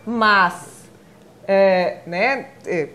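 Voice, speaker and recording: A woman's voice: mid-range voice, very slow, fairly bright tone, lo-fi sound. A woman neurologist from Brazil, explaining things step by step in an interview and posing her own questions. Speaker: neurologist guest.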